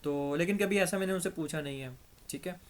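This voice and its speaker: A man's voice: fairly high pitch, fairly quick. A man with a Pakistani accent giving a patient, step-by-step grammar lesson, his throat a little dry. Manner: patient, step-by-step explaining, repeats examples. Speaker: English teacher.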